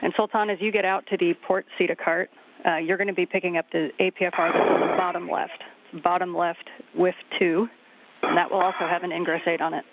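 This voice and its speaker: A man's voice: sits high, flat delivery, brisk, creaky. A man as a mission control communicator, giving procedural instructions to astronauts over a radio transmission. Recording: tinny radio link with faint noise.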